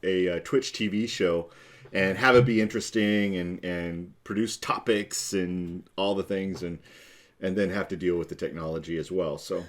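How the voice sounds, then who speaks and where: A man co-hosting a casual live-stream chat show, playful and quick to laugh. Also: deep voice. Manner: playful, laughs often, animated. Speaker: co-host.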